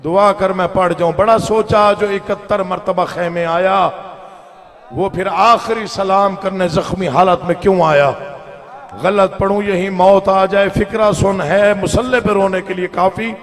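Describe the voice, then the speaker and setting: High-voiced reciter with Pakistani Urdu accent. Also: male voice, fairly even intonation, unhurried. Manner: builds from soft asides to loud chanted lament. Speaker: majlis reciter. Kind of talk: Shia mourning sermon. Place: large hall before a live gathering. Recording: live recording with long hall reverb.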